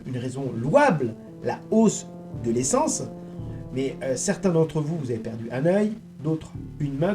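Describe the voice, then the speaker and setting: A man giving a rambling, indignant monologue to his viewers, halting and restarting as he goes. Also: on the high side, mellow. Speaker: online political commentator.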